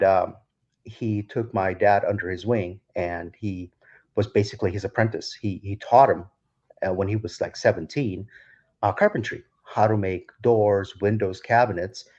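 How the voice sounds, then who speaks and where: In a relaxed podcast interview, a man from Ukraine, a DJ, spins out a long story in a rambling way, restarting often. His voice leans low and a little mellow, and the recording has a dull, lo-fi quality.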